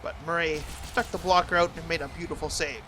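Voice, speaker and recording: A man doing an announcer-style play-by-play commentary of a hockey video game, excitable on big plays. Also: fairly high pitch, fairly quick, a little hiss or hum.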